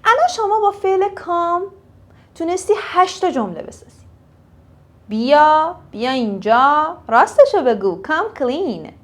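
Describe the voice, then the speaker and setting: A young woman teaching English phrases in a casual lesson, repeating each phrase slowly for learners. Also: high-pitched, very animated.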